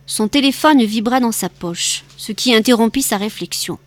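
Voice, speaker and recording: A woman reading a novel aloud in a steady, measured narrating voice. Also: a little high. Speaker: audiobook reader.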